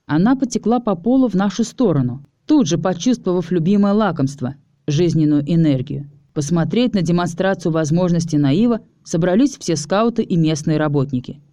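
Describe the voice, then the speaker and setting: A man reads a first-person fantasy story aloud, wry and steady. His voice is mellow and warm-toned, and the recording is dry and close. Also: a little high, a little fast, no echo. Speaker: audiobook narrator.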